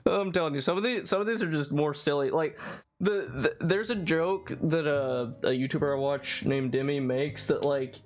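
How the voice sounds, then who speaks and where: A man's voice: fairly high pitch, moderate pace. A young man hosting a casual guessing game, rambling, repeating words and laughing often as he explains. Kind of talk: casual chat. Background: background music.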